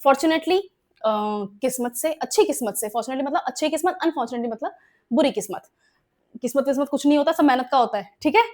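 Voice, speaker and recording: Indian woman teacher, high bright voice, grammar lesson in Hindi and English, keeps checking understanding. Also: a little fast. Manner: explains in Hindi mixed with English examples, asks frequent check questions. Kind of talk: exam-prep grammar lesson.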